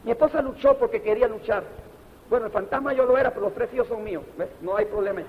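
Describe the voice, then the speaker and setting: High-voiced man preaching success. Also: fast. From Panama. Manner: preachy, addresses the audience directly with rhetorical questions. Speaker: motivational speaker. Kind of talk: motivational speech to an audience. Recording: dull, echoey hall recording.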